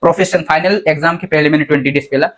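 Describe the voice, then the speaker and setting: A man's voice: a little high, fairly even intonation, rapid-fire, fairly bright tone. Young man casually interviewing medical students. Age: young adult. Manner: friendly, laughs often, mixes English phrases.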